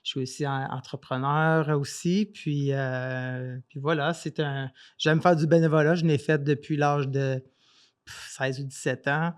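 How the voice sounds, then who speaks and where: A man with a Québécois accent, a podcast guest talking in a relaxed, hesitant way with many fillers. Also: fairly high pitch, unhurried, clear, resonant tone. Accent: Québécois French. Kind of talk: casual podcast interview.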